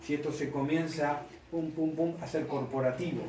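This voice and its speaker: A man's voice: on the high side, steady tone, normal speed, mellow, a little hiss or hum. A man preaching a sermon, who keeps asking the congregation whether they follow him. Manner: asks the congregation for constant confirmation. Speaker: pastor. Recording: echoey room, mic at a distance.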